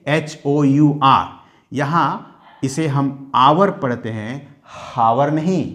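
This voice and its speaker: Slow, deliberate male teacher. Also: on the high side. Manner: slow, repeats key words as questions to the class. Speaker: English teacher. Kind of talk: classroom grammar lesson.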